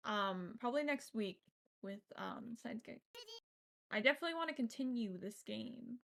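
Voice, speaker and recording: A woman game streamer chats casually with her viewers while she plays, rambling along with lots of ums and the occasional swear word. Her voice is gravelly and a little high, lively, and moves at a normal pace.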